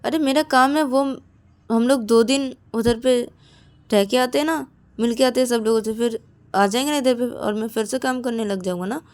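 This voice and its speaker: A woman's voice: fairly high pitch, normal speed, a little mellow, natural voice. A woman voicing Ananya, a caring young partner who coaxes and asks worried questions again and again. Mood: coaxing. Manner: coaxing, repeated worried questions. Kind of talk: storybook narration.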